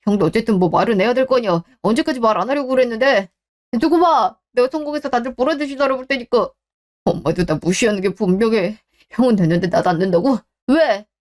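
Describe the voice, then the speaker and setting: Woman doing a touchy stubborn husband in a radio drama, bit high, always whining he gets no respect. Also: animated, quick pace, a little mellow, lightly acted. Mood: defensive. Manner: defensive, whiny and indignant. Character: stubborn defensive younger husband, resentful.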